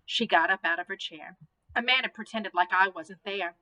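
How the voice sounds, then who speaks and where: A woman teacher reads a children's novel aloud with a bright, clear tone. Her narration is expressive and even, suited to a class listening along. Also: medium pitch, normal speed, poor audio.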